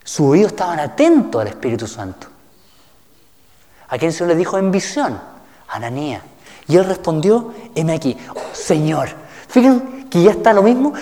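A male pastor delivers a teaching sermon in a high-pitched, warm voice, reading scripture aloud and putting questions to his listeners. The recording has the reverberant sound of a hall.

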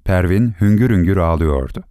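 Low-voiced male audiobook narrator. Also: animated, normal speed, dark tone, smooth, no room sound, clean studio sound. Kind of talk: scripted narration.

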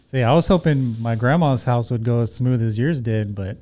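A man co-hosting a casual podcast, teasing and joking with his friends. His voice is mellow and relaxed. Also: mid-range voice, moderate pace. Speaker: podcast co-host. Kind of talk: casual chat.

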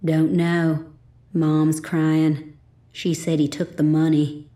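A woman voicing a gentle, worried adult brother who talks softly and plainly in a storybook reading. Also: fairly high pitch, monotone, slow.

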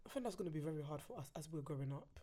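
A woman's voice: deep voice, animated, rapid-fire, mellow, slight background noise. A young woman with a London accent, speaking earnestly in a casual chat with friends and often checking that they follow. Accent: London English. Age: 20s. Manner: earnest, tag questions.

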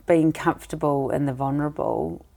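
A woman in her thirties co-hosting a podcast, telling relaxed stories in casual conversation. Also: deep voice, moderate pace, gravelly. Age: 30s. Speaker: podcast co-host.

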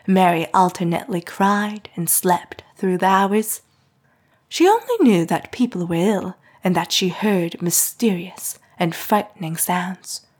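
A woman reads a classic novel aloud in a soft, hushed voice. Her tone is breathy and fairly low, and she takes her time over each phrase. Faint music plays underneath. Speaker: audiobook narrator. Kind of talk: scripted narration of a classic novel.

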